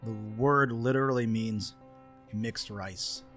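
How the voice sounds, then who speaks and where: A man's voice: medium pitch, slow, fairly bright tone, faint music behind. A man co-hosting a casual podcast chat, laid-back and swearing now and then, talking over a drink and some food. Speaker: podcast co-host. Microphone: podcast microphone.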